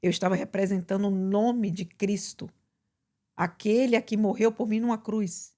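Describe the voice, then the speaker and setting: A woman pastor with a Brazilian Portuguese accent, preaching in conversation with emphatic, animated delivery. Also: medium pitch, moderate pace. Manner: animated, bursts into emphatic quoted prayers.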